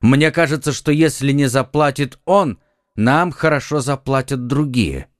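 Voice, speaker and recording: A man reading an audiobook, voicing a quick-witted young swordsman who speaks urgently and takes charge. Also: medium pitch, dry recording, clean studio sound, voice pushed up, close to an everyday voice. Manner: earnest, urgent, commanding. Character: quick-witted young male Gascon swordsman, eager leader.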